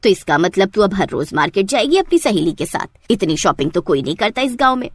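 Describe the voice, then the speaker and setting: A woman's voice: medium pitch, very animated, brisk, husky, no room sound, voice pushed down. A woman voicing a bossy, suspicious older mother-in-law. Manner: bossy, questioning.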